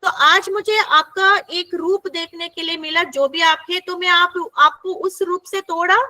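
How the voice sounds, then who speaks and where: A woman with a high, bright voice leads a workshop for a group. She talks conversationally and keeps checking that her listeners are following. Her tone is sharp and forward. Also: steady tone, unhurried. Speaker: workshop facilitator. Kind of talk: interactive workshop teaching.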